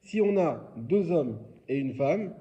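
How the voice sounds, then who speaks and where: Rabbi quizzing a class. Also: male voice, on the high side, animated, slow, mellow, muffled recording. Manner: informal, explanatory, asks questions then answers. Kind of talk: religious lesson quiz with students.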